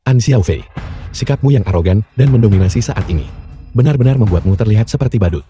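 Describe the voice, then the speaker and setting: A man's voice: lowish voice, animated, fast, dark tone, soft background music, lightly acted. A man dubbing a cold, dismissive young man. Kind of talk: dubbed drama acting.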